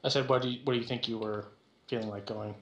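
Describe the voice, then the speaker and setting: A man's voice: medium pitch, steady tone, fast talker, lo-fi sound, slight background noise. A man chatting casually with his gaming team as they plan their picks. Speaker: team player planning champion picks. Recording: roomy, echoey voice-chat sound.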